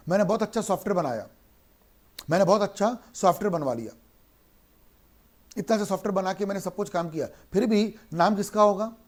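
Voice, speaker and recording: A man teaching a law class in Hindi mixed with English, who keeps asking questions and answering them himself, and slows down to read English lines aloud. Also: sits high, a little mellow. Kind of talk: online lecture.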